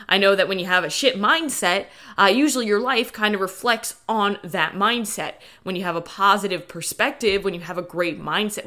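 Bright, forceful woman podcast host. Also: mid-range voice. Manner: informal, lightly sweary, addresses listeners as guys. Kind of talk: casual motivational solo podcast talk. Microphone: dedicated podcast microphone.

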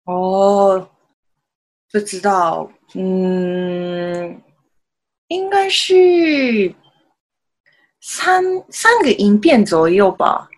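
A woman, a native Japanese speaker with a Japanese accent in Mandarin, chatting casually as an interview guest in halting, simple phrases with repeated words. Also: medium pitch, animated. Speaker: podcast guest, self-taught Mandarin learner.

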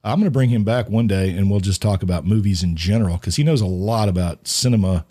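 A man's voice: lowish voice, quick pace, warm tone. A middle-aged man hosting a podcast, chatting casually and acting out the people in his stories. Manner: storytelling, acts out the people in his anecdotes. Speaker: podcast host.

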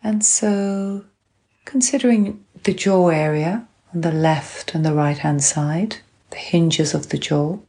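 A woman instructor calmly and gently guiding a grounding exercise, unhurried, with long pauses between phrases. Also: fairly low pitch. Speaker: guided relaxation instructor. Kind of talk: calm guided grounding exercise.

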